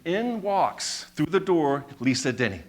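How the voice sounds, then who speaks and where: On the high side and very animated, this fifties-aged speaker tells a personal story in his talk. He stutters, repeating sounds and words, and layers his points with measured, emphatic repetition.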